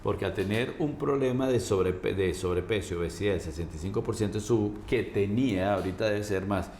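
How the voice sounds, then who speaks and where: A man speaking as a doctor being interviewed, explaining medical matters informally in a halting way, often checking that he is understood. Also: fairly low pitch, darkish tone. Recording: roomy echo, faint background noise.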